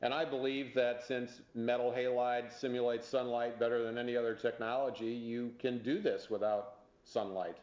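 A man's voice: mid-range voice, flat delivery, a little mellow. A middle-aged executive speaks unscripted from an office and often halts on fillers. His voice is recorded through a teleconference setup, so it sounds dull and carries the echo of the room. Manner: halting, with many "uh" fillers and restarts. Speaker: company executive. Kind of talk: unscripted talk to camera over a teleconference.

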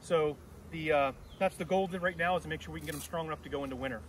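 A man's voice: fairly high pitch, fast talker, a little hiss or hum. Beekeeper man explaining outdoors, slightly distant. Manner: plain step-by-step explaining while working. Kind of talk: hands-on teaching demonstration. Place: outdoor apiary on a grassy yard. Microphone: camera mic a few steps away. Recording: distant outdoor camera audio.

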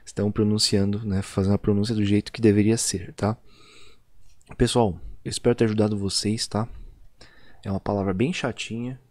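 A man with a Brazilian Portuguese accent teaching an online lesson in a chatty way, often ending lines with little tag questions and stretching example words out slowly. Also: on the low side, level tone, a little mellow, no echo, clean studio sound. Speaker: English teacher. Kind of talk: casual online video lesson.

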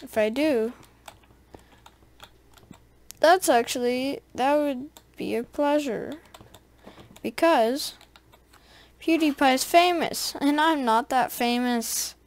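A woman's voice: high voice, slow pace, long pauses. A woman giving casual gameplay commentary, rambling and chatty as she talks straight to her viewers. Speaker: gaming video creator.

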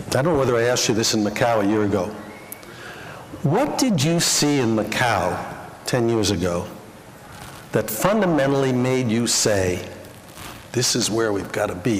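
Male interviewer, flattering questioner, long hall reverb, slight background noise. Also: medium pitch, normal speed. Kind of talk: onstage interview at a dinner. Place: large banquet hall. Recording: echoey banquet hall with crowd.

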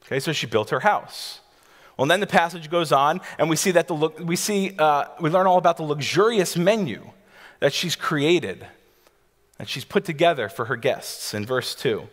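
A man in his thirties with a fairly high, slightly bright voice preaches at a moderate pace from a church stage to a seated congregation. He teaches as he goes, painting scenes for his listeners and sometimes restarting a line. The recording carries the long hall reverb of a church.

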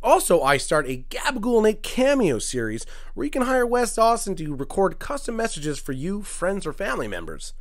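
A man hosting a comedy podcast, reciting rap lyrics word for word in a mock-serious deadpan and stopping to comment dryly on them. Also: sits high, moderate pace, few pauses. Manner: mock-serious, dry commentary between lively recited lines. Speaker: podcast host.

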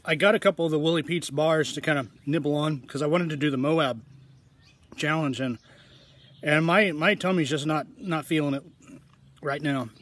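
A man talking casually to his viewers in a tasting vlog, rambling in a relaxed way. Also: on the high side, normal speed. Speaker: food reviewer.

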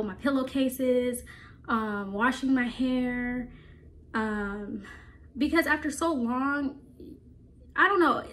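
A woman's voice: on the high side, a bit bright. A woman vlogger talking casually to her viewers, chatty and rambling with frequent laughs, her voice a little stuffy from allergies. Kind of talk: casual chat to camera.

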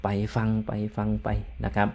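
A man hosting his channel, talking casually and rambling, with many fillers, repeated words and polite particles. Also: moderate pace. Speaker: channel host sharing his language-learning path. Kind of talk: casual talk to camera.

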